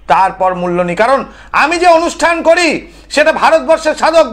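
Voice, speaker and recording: A man's voice: sits high, a bit bright. A man hosting a live call-in TV show as a tantric astrologer, speaking in an impassioned monologue with emphatic, rhythmic lists. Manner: emphatic, rhythmic listing with rising declamatory stresses.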